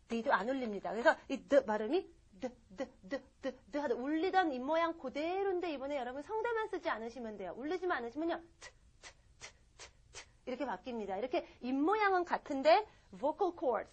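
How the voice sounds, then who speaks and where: Woman, English teacher, high pitch, patient and repetitive, models sentences and sounds. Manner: patient, explains slowly and repeats example sentences; models sounds with short whispered consonants. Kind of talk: recorded English grammar lecture.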